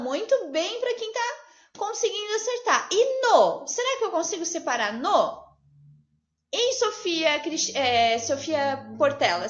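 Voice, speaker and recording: A primary school teacher, a woman, talks her young pupils through their tasks with slow, sing-song questions. Her voice sits high and rises and falls a lot. The recording is roomy and a little dull. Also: a bit bright. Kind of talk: online lesson for young children.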